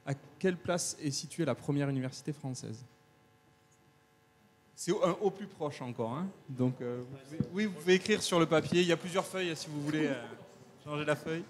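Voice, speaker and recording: A man's voice: a little high, fairly quick. A man hosting a live quiz in a university lecture hall, hesitant and joking, with many restarts. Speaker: quiz host of a web TV talk show.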